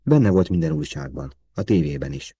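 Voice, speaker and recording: A man's voice: extremely low pitch, lively intonation, warm tone, husky, highs cut off, exaggerated voice. A man reading a blunt helicopter pilot. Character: brash male helicopter pilot shouting over rotors.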